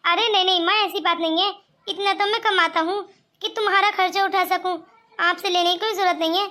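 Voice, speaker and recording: An easygoing young husband in a cartoon story, voiced by a woman. He reassures his family casually, in a very high, bright voice. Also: fairly even intonation, brisk. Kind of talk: cartoon voice acting.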